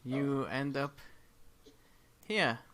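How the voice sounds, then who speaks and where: A man acting as game master, narrating a tabletop game casually in a hesitant, halting way. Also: medium pitch, noisy background.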